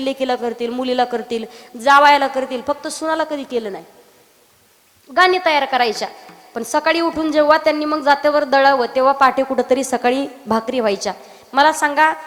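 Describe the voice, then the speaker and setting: Woman kirtan preacher, high voice, long hall reverb, lively and teasing. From Maharashtra. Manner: lively, teasing the audience with acted dialogue and sudden loud outbursts. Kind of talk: Marathi kirtan sermon with sung verses.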